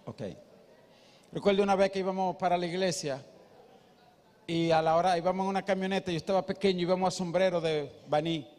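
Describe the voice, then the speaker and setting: High-voiced pastor preaching. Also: male voice, steady tone, a little fast, a little mellow. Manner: emphatic, questions the congregation. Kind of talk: sermon. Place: church. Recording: echoey church hall.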